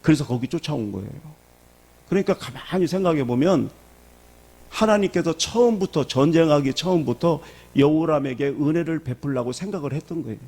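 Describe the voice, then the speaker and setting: A man's voice: fairly high pitch, lively intonation, a little fast, dark tone. A middle-aged male pastor preaching a sermon in a church, asking the congregation questions as he goes. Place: church sanctuary.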